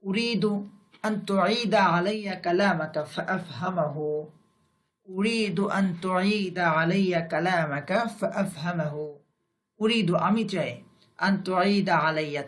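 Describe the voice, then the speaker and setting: A man with a Bangladeshi Bengali accent teaching Arabic grammar in a recorded lesson, speaking slowly and deliberately and repeating each phrase before translating it. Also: high voice, a bit bright.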